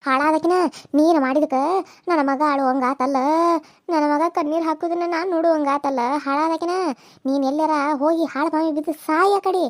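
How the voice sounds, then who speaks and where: A woman's voice: sits high, steady tone, normal speed, close to an everyday voice. A woman voicing a wailing, cursing village mother. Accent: North Karnataka Kannada. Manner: wailing laments and curses. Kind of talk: cartoon serial voice acting.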